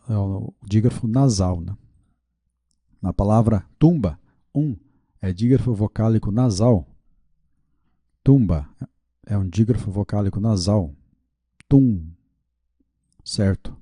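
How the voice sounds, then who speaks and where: A man's voice: fairly low pitch, dark tone, breathy edge, no room sound, studio quality. A man teaching a video lesson with a Brazilian Portuguese accent, working through quiz questions aloud, checking his answers and admitting his mistakes.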